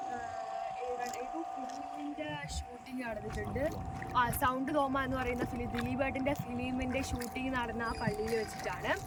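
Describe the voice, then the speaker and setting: A high-voiced travel vlogger from Wayanad, Kerala, India, speaks with a northern Kerala Malayali accent, casually and enthusiastically addressing her viewers while mixing English into her Malayalam. The outdoor recording, made by backwaters, paddy fields and on a canoe, is noisy with ambient sound.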